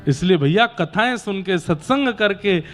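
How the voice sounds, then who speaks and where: A man's voice: sits high, lively intonation, faint music behind. A man telling devotional stories as a preacher in a sermon, addressing a gathering. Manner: unhurried, preaching to a gathering, breaking into devotional song. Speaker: katha preacher.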